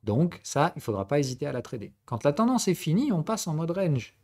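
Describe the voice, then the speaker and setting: A man's voice: a little high, very animated, fairly quick, a little mellow. A man from southern France teaching a live trading lesson. He talks casually and keeps checking in with "okay?" and "right?" as he explains. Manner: conversational tutoring, mixing formal and familiar address. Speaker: trading instructor and stream host. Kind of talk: live-streamed trading lesson, answering chat.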